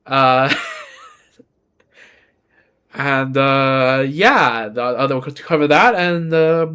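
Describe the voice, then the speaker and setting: Speaking very slowly in a medium-pitched voice that is sharp and clean, a young game streamer from Beijing, China, chats casually. He is a native Chinese speaker, and his talk rambles and corrects itself.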